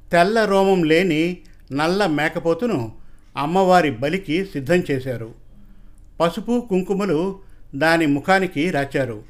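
A man telling a village story aloud, reading the characters' dialogue in measured, dramatic narration. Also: on the high side.

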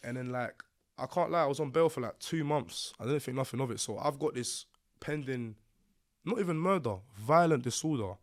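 A man with a London accent tells a personal story in a casual podcast setting. His delivery is roadman street talk, thick with slang, and his voice sits at a medium pitch. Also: brisk. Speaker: podcast guest.

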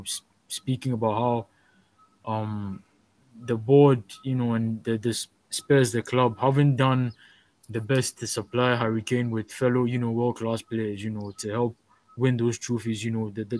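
Halting man full of restarts. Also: mid-range voice, little pitch movement, darkish tone, rough recording. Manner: halting, many fillers and restarts. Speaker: podcast co-host. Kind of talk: casual football chat.

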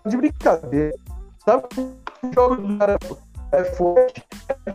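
A man's voice: high-pitched, expressive, takes it slowly, over music. A man from São giving blunt, exasperated football analysis on a video call, his voice turned robotic and glitchy by a breaking connection. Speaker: football commentator on an online panel.

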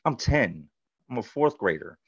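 A middle-aged man from North Carolina, USA, tells his life story as a podcast guest, blunt and conversational, full of "like" and "you know." His medium-pitched voice is husky and sing-song, with a measured pace. The recording sounds dull, lo-fi and dry, with no echo.

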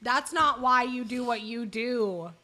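A woman's voice: on the high side, unhurried, bright, forceful tone. A woman co-hosting a podcast in casual, irreverent chat, speaking in a blunt, slangy, exclamatory way. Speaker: podcast co-host.

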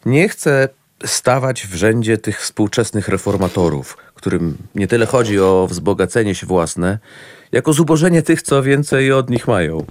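An actor playing Ernest, a witty, outspoken young gentleman in debt, in a radio play. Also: fairly low pitch, lively intonation, moderate pace, natural voice. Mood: earnest.

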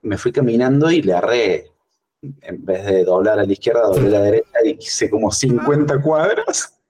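An Argentine man chatting casually as a podcast guest, rambling and animated as he tells stories. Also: moderate pace. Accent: Argentine Spanish. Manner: rambling storyteller, animated when recounting, lively pitch jumps. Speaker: guest cartoonist.

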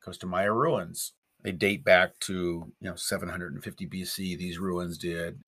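A man's voice: low-pitched, steady tone, measured pace, a bit bright, slightly rough. A man co-hosting a podcast in casual chat, rambling with fillers and chuckles. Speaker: podcast co-host.

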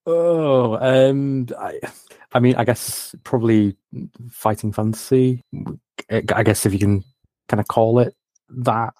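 A man's voice: medium pitch, measured pace, darkish tone, no echo. A man being interviewed as a guest, talking hesitantly with lots of restarts. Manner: hesitant, many fillers and restarts. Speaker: game designer guest. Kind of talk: casual interview.

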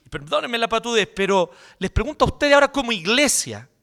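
A man with a Chilean accent, a pastor preaching a sermon in an animated, joking, colloquial way. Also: extremely high pitch, fast talker, vocal fry.

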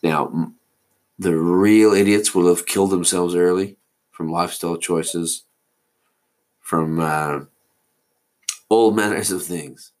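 A man's voice: low-pitched, fairly even intonation, slow, pauses often, darkish tone. A man in his forties, hosting a solo podcast and musing aloud in a meandering way, often losing his thread. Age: 40s. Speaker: podcast host. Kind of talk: solo rambling monologue.

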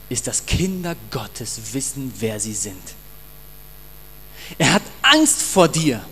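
Male pastor, impassioned sermon, speaks straight to the congregation, fairly high voice, faint mains hum. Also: long reverb tail. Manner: passionate, emphatic, addresses the congregation directly.

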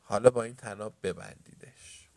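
A man's voice: on the low side, steady tone, vocal fry, a little mellow, no room sound. A man voicing a commanding grown man who plays a Civil War general and gives firm orders.

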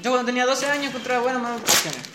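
A man's voice: very high-pitched, animated, racing, noisy background. A young Chilean man bantering in a comedy sketch, rowdy and teasing, swearing casually. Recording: roomy echo, music behind.

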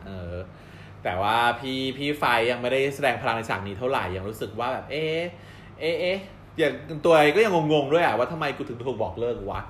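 A man co-hosting a casual chat, recapping episodes in a lively, storytelling way and laughing often. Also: mid-range voice, fast talker, hardly any pauses, slight background noise. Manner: animated storyteller, acts out quoted dialogue and laughs often. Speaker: co-host reviewing a drama series. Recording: roomy with faint background ambience.

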